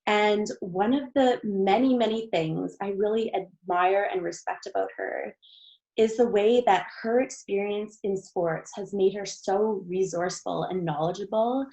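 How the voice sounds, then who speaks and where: A young woman opens the session in an earnest, eager tone. Her mid-pitched voice carries a strong vocal fry as she introduces the guest. The talk is formal and well prepared. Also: measured pace, dark tone, poor audio. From Canada. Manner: earnest and enthusiastic. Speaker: host introducing a guest speaker.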